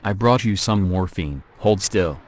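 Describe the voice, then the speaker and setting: A man voicing a calm male vampire in a video game, speaking in brief, matter-of-fact phrases. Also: sits low, measured pace.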